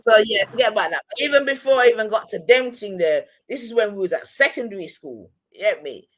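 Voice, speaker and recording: Here a middle-aged Londoner swaps anecdotes in relaxed storytelling chat, his roadman accent and street slang front and center as he keeps using tag questions to make sure the listener follows. His medium-pitched voice moves quickly, with lively intonation and a slightly bright tone.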